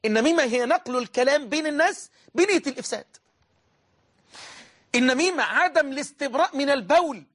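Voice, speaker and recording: A man's voice: very high-pitched, lively intonation, quick pace, fairly bright tone. A man with an Egyptian Arabic accent preaching a religious sermon, emphatic and repeating phrases for stress.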